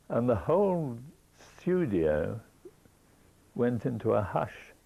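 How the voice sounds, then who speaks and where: A man's voice: mid-range voice, vocal fry, husky, highs cut off. A man vividly recounting a story in a documentary interview.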